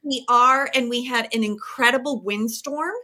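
Female expert guest, crisp bright tone, higher pitch, easygoing and good-humoured conversation. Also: moderate pace. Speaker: psychologist interview guest. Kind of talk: casual interview chat.

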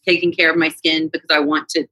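A woman's voice: deep voice, little pitch movement, fast talker, bright, forceful tone, no room sound, low-quality recording. A woman in her forties, a podcast guest chatting candidly and laughing often. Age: 40s. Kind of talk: casual interview chat.

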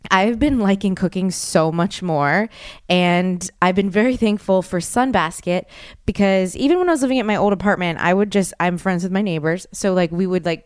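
Young woman, podcast host. Clean, lowish voice, slangy and blunt, casual solo chat. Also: clear, resonant tone, dry recording, studio quality.

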